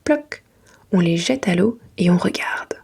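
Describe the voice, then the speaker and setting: A woman reading a children's storybook in a hushed, breathy library whisper, in a soft ASMR style. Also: fairly low pitch, moderate pace. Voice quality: breathy, unvoiced.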